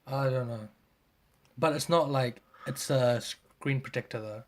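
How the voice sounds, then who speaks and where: A man's voice: medium pitch, a little slow. A man chatting casually as a podcast guest, laid-back, swearing freely and trailing off. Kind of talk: casual chat.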